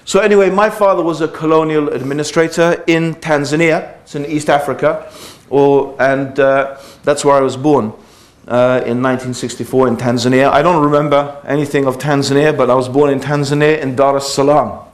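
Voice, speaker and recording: A man's voice: mid-range voice, fairly even intonation, a little fast. A man, giving an informal religious lecture in a conversational way with frequent fillers and asides. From England. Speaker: Islamic lecturer.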